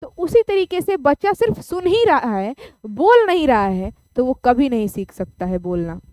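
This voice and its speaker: Brief: woman teacher, high voice, dry close sound, explains through examples. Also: sing-song, normal speed, darkish tone, no echo. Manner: explains with everyday examples, checks in with "okay?". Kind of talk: online class lecture.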